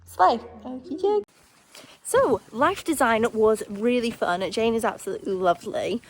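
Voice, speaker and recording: A woman's voice: a little high, animated, moderate pace, slight background noise. A young woman, chatting casually as a vlogger at horse stables, upbeat and rambling with fillers. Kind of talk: casual vlog narration.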